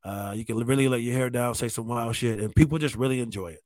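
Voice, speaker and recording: A man's voice: mid-range voice, fast, darkish tone, no echo. A male stand-up comedian telling stories in a loose, conversational way, often saying "man" and "like". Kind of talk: casual storytelling monologue.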